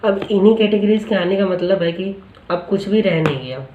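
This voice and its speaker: Man teaching spoken English, explanatory, rhetorical questions, repeats words slowly, roomy echo. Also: sits high, narrow, tinny audio, a little hiss or hum.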